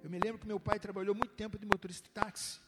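A middle-aged man preaching a sermon in a church, swooping from low to high as he presses his points. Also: flat delivery, rapid-fire. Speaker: pastor. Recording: loud music behind the voice.

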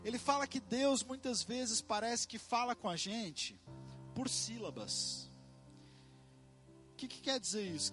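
High-voiced preacher with faint music. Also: male voice, a bit bright. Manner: emphatic, rhythmic repetition, calls out amen to the congregation. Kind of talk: sermon.

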